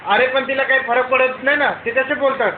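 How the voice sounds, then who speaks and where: A man's voice: very high-pitched, flat delivery, brisk, background noise. A man talking in a pleading, exasperated way in casual family chat. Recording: echoey room on a tinny phone.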